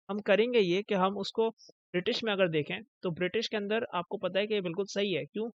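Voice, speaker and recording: A man's voice: high-pitched, dry recording. A man teaching English in a recorded lecture, explaining patiently and answering his own questions. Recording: dull lo-fi dry recording.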